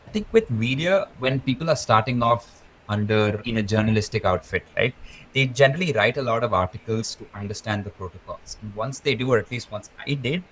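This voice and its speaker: A man's voice: medium pitch, lively intonation, fairly quick, a bit bright, a little hiss or hum, low-quality recording. A man being interviewed as a guest, explaining crypto data in a fluent, methodical way and listing items one after another. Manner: fluent, methodical, rattles off lists. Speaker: guest, crypto research lead.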